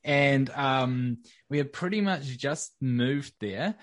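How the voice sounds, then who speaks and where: A young man from New Zealand with a New Zealand accent, chatting casually as a podcast guest in a relaxed, rambling way. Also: mid-range voice, slow pace, no room sound. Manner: relaxed, rambling with many fillers. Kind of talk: casual interview.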